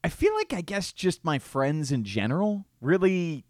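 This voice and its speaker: A man's voice: on the high side, big pitch swings, moderate pace, dry recording. A young male co-host chats in a bouncy voice that rises and falls a lot. He is recorded close and dry in a studio. He fills the gaps with short reactions and easy laughter. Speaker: radio co-host. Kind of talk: casual chat. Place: radio studio.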